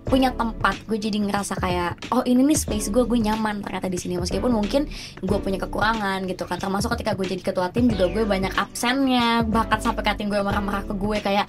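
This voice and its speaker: A woman's voice: medium pitch, brisk. Young woman with a lisped r, music behind. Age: young adult. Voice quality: cannot roll her r's, a soft lisped r. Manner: animated, acts out quoted remarks. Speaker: podcast guest, student and radio announcer. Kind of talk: casual chat, slangy storytelling.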